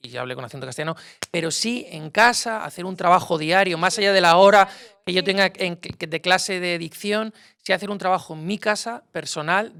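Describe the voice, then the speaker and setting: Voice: medium pitch, vocal fry, fairly bright tone. A musical theatre performer speaking emphatically to students on a panel. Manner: emphatic, instructive.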